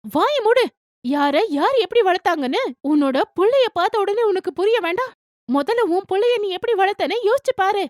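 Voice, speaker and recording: A woman voicing a hurt but defiant young wife in a cartoon story, pleading in a high voice. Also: fairly even intonation, moderate pace, a little mellow, no room sound, studio quality. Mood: angry.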